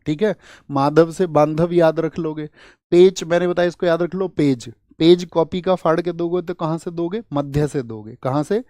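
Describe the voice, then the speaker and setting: A male teacher from India gives an exam-prep lecture in a fairly high voice, with a dry and close sound. He keeps asking his class questions and hammers answers home by repeating them. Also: no room sound. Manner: lively, asks the class questions, rhetorical repeats.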